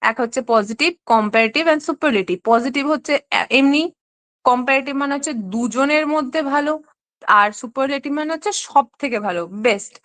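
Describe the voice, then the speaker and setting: A woman's voice: sits high, moderate pace, fairly bright tone. A woman teaching an online exam-prep lesson. She explains step by step and keeps checking in with her students.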